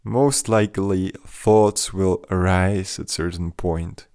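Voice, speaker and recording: A man with a fairly low, steady voice leads a mindfulness meditation, speaking very slowly and gently with measured instructions. The recording is dry, without any room echo.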